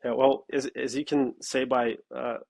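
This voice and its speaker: A man's voice: medium pitch, level tone, normal speed, gravelly, a little mellow. Founder guest, man, blunt and emphatic, mid-range voice. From Russia. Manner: blunt and emphatic, with frequent "okay?" asides. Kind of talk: casual interview talk.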